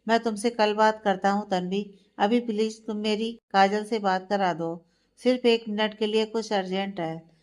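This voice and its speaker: A woman's voice: mid-range voice, fairly even intonation, normal speed, close to an everyday voice. An earnest young man who is fond of his fiancée and keeps probing with questions, voiced by a woman storyteller. The voice stays close to the reader's own mid-range tone. It belongs to a read-aloud romance story. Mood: questioning. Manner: questioning, affectionate.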